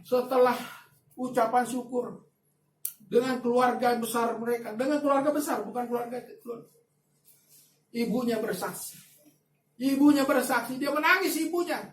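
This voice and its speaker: A man preaching a sermon as a pastor, telling a story with lively swings between soft asides and loud emphatic bursts. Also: extremely high pitch, normal speed, a little hiss or hum. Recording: echoey room, voice from a distance, faint ambience.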